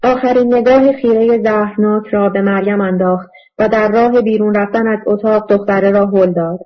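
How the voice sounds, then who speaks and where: A woman reading a novel aloud in steady, measured scripted narration, in a dull lo-fi audiobook recording. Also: medium pitch, a little hiss or hum.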